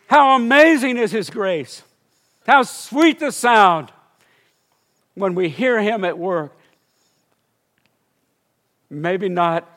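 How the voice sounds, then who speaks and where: A man's voice: fairly high pitch, fairly bright tone. An older man, a missionary preacher, telling a story in a sermon and building to fervent exclamations.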